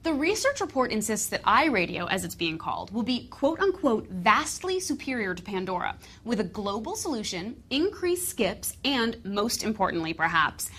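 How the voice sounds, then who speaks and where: A woman's voice: mid-range voice, sing-song, moderate pace, few pauses, fairly bright tone, slightly rough. A woman co-hosting a scripted tech rumor show with wry, skeptical banter.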